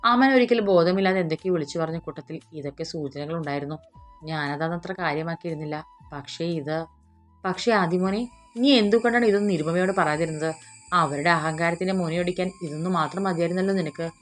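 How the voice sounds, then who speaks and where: A woman's voice: lowish voice, quick pace, faint music behind, lightly acted. A woman voicing an older man who asks anxious questions in an audiobook story. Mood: questioning.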